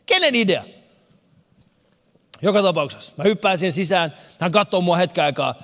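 A man's voice: high voice, expressive, fairly bright tone. A man doing stand-up comedy, telling a story and acting out the other people's lines, who moved to the country in 1991. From abroad, moved to Finland in 1991. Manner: storytelling, acts out characters' lines. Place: large concert hall with no audience. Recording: long hall reverb.

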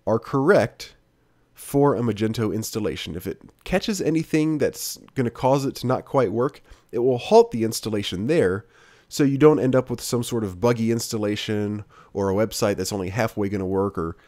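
A man narrating a software tutorial screencast as instructor, in a steady, plain-spoken, explanatory way. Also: lowish voice, moderate pace, no echo, clean studio sound.

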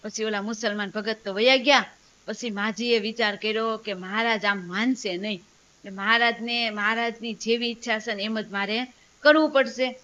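A woman's voice: a little high, steady tone, normal speed, bright, forceful tone, muffled recording, slight background noise. A woman telling a devotional story, acting out the voices of its characters as she goes. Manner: storytelling with quoted dialogue. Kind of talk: religious story narration.

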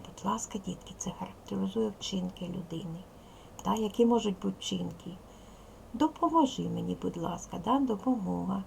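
A woman teacher with a Ukrainian accent and a strongly gravelly, creaky voice, speaking at a middle pitch. She patiently quizzes young pupils with repeated questions. Faint classroom noise sits behind her. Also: moderate pace, a little mellow. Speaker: primary school teacher.

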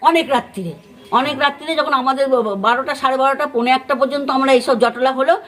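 Brief: high-pitched West Bengali woman, neighbour eyewitness, rambling retelling with acted-out quotes. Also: fairly even intonation, fast talker, fairly bright tone. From West Bengal, India. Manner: rambling retelling with many fillers and restarts; acts out others' words in quoted speech. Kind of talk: on-the-spot news interview.

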